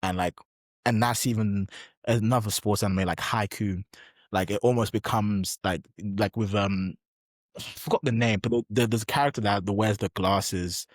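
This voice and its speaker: A man's voice: on the low side, steady tone, moderate pace, no echo, studio quality. A young adult man chatting as a podcast guest, enthusiastic and emphatic, with frequent restarts. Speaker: podcast guest, pro bodybuilder. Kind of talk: casual podcast chat.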